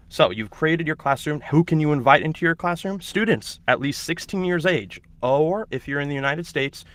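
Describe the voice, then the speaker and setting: The host of an online orientation webinar for teachers has a medium-pitched, fairly bright voice. He lays out the steps and introduces a guest instructively, though he hesitates, uses fillers, and restarts at times.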